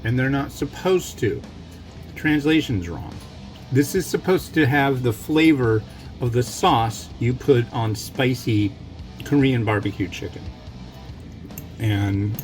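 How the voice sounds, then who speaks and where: Man rambling wryly over guitar music. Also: mid-range voice. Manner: wry, off-the-cuff, given to tangents and asides. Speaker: food reviewer and mukbang host. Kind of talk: casual rambling food review while eating.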